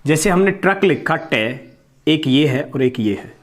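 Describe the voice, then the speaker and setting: A man with a somewhat high voice gives a classroom-style grammar lesson. He explains slowly and patiently, repeating terms and asking questions only to answer them at once. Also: lively intonation. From India. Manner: explains slowly, repeats key words, asks and answers his own questions. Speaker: teacher.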